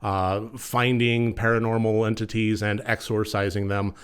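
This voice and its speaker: A man giving a casual, conversational film review in long, rambling, measured sentences. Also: on the low side, little pitch movement, clean tone.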